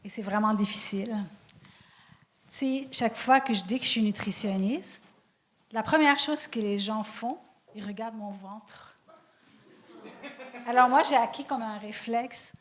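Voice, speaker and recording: A woman comedian with a non-Québec French accent tells self-mocking stories on stage. Her voice sits a little high, and she laughs easily between her punchlines. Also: unhurried, long pauses. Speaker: stand-up comedian. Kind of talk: stand-up routine.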